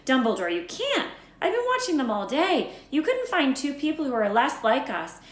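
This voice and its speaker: A woman's voice: sits high, huge pitch swings, moderate pace, roomy sound, pitched above the performer's own voice. A woman voicing an anxious, exasperated older witch professor from a storybook, stern, incredulous and emphatic. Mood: outraged.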